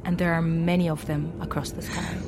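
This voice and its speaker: A woman reading a translated first-person account as a voice-over, calmly and plainly. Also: fairly low pitch, a little fast, over loud music.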